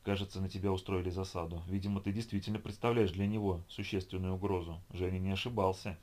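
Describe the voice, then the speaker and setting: A man voicing a small, stern female creature who gives calm, firm orders. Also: quick pace, natural voice. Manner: firm, instructive, low-key.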